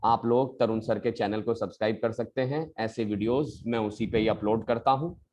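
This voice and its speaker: Patiently modeling pronunciation, a male English teacher with a lowish, darkish voice says each word slowly and repeatedly, addressing his students as children.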